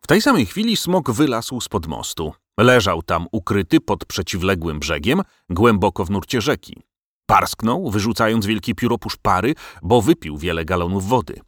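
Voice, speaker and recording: A man narrates a storybook tale for an audiobook, his low voice swinging widely in pitch as he tells it expressively. He speaks at normal speed, and the recording is dry and close.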